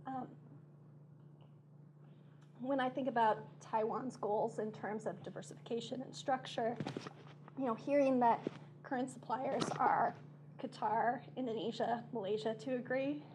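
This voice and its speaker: A woman giving formal policy commentary as a panel discussant, her voice failing and hoarse, clearing her throat now and then. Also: on the high side, darkish tone, slight background noise. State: losing her voice. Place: seminar room.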